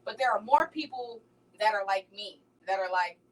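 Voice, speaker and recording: A woman's voice: mid-range voice, animated, normal speed, fairly bright tone, distant mic, poor audio. A woman speaking as a talk show guest, passionate and emphatic, often checking in with "right?". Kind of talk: casual radio talk show chat.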